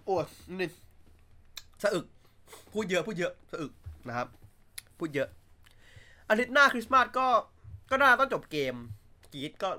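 A man's voice: sits high, sing-song, normal speed, long pauses, pushed and bright. A man chatting casually on a livestream, blunt and crude, joking, with many filler sounds. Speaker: streamer.

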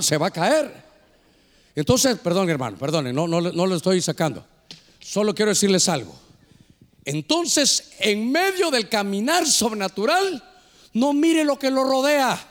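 A man preaching with fervor, his voice pitched high and ringing out. The sound carries a long reverb from a church sanctuary. He keeps turning to the congregation as he speaks. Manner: impassioned preaching, calls listeners "hermano". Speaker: pastor. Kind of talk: sermon. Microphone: handheld microphone.

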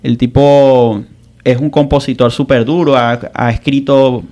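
Rambling musician guest. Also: male voice, mid-range voice, fairly even intonation, a little slow, dark tone, muffled recording. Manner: rambling, hesitant, many restarts. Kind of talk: casual interview chat.

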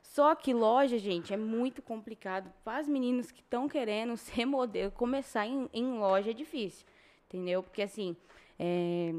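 A young woman speaks Brazilian Portuguese in a fairly high voice. She talks as a guest in a casual interview, in informal, slangy phrasing, often voicing reported dialogue as she tells her story. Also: moderate pace, a little mellow.

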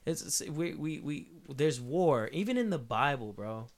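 A man's voice: on the high side, big pitch swings, a little slow. A man from Puerto Rico who is a guest on a podcast. He talks in a casual, emphatic, profane way and lays out his views at length.

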